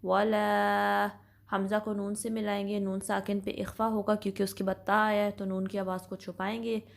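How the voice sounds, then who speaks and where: A woman teaching Quran recitation in a methodical tajweed lesson, her voice held level and even with little rise or fall. She explains each sound patiently and checks in often with her students. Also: medium pitch, gravelly. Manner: patient, methodical explaining with slow drawn-out demonstrations; frequent reassuring check-ins.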